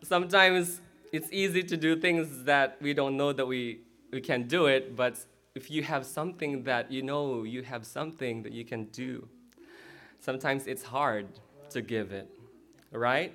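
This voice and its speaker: A male pastor giving a lively sermon in a church and checking in with the crowd as he goes. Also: mid-range voice, unhurried.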